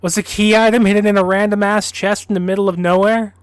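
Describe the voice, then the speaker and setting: A man's voice: high voice, flat delivery, fast talker, no echo. A man streaming a game, chatting and reading in-game books aloud. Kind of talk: casual gameplay commentary and reading aloud.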